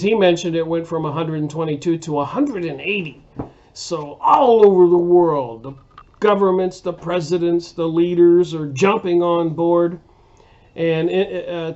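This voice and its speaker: A man's voice: a little high, a little mellow, muffled recording. A man hosting a casual book review monologue, rambling and hesitant with many fillers and restarts. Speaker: video host reviewing books.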